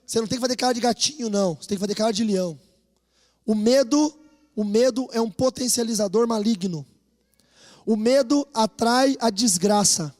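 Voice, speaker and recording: A Brazilian pastor delivers a lively sermon in a strikingly high voice for a man, with a Brazilian Portuguese accent. He tells animated stories and urges the congregation to call out with him. His words ring through a church hall with a long, trailing reverb. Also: moderate pace. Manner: animated storytelling, rousing the congregation to repeat after him.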